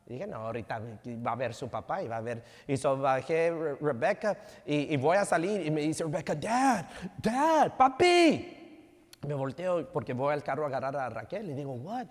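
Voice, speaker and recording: Mixing Spanish and English, a thirties-aged pastor tells family stories from the pulpit of a church sanctuary. He talks briskly in a fairly high voice with few pauses, and a long hall reverb trails his words.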